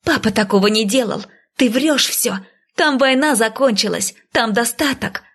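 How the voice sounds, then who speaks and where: A woman's voice: fairly high pitch, moderate pace, a bit bright, voice pushed up, close to an everyday voice. A woman voicing a scornful, selfish young woman of twenty-two, sneering and petulant in a raised voice. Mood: indignant. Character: scornful 22-year-old woman, selfish restless sister.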